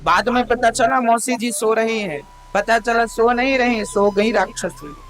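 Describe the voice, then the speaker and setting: High-voiced slow Hindi katha preacher. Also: male voice, wildly swooping pitch, a bit bright, soft background music. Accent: Hindi, North Indian. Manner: dramatic, voices characters in quotes, addresses listeners as mother. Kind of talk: devotional storytelling sermon.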